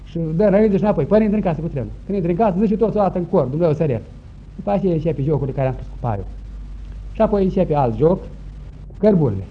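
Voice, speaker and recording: Older man, high-pitched, animated folk storyteller who mimics noises; muffled lo-fi tape. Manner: lively, acts out shouts and sounds. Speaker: interviewee recalling village customs. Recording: dull lo-fi recording, faint noise.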